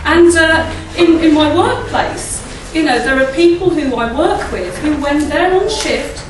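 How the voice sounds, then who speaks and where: Speaking at a standing lectern mic during a church service, this middle-aged woman sounds croaky, high-pitched and unhurried. She keeps things chatty, laughing a lot and asking listeners tag questions, while a distant camera captures the echoey, noisy hall.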